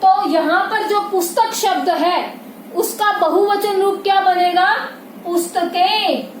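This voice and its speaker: A woman's voice: very high-pitched, fairly even intonation, unhurried. A woman teaching a Hindi grammar lesson, patient and repetitive, who often checks that her students follow and calls them "beta". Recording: echoey room with faint noise.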